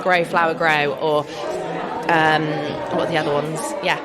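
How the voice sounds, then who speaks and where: An English-accented woman artist chats enthusiastically about her work in a casual interview at a busy art fair, laughing often as crowd chatter carries behind her. Her voice sits low, with a level tone and normal speed.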